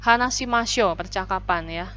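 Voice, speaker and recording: A woman's voice: mid-range voice, bright, forceful tone, soft background music. Patient woman teaching a language lesson. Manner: patient, drills phrases slowly with frequent "ya". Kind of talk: online classroom lesson. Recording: dull lo-fi recording.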